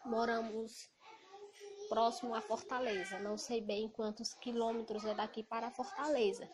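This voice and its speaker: A woman from Ceará with a Cearense Brazilian accent, talking loudly and emphatically in an indignant casual monologue to camera. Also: fairly high pitch. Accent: Cearense Brazilian Portuguese. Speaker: evangelical vlogger. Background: noisy children.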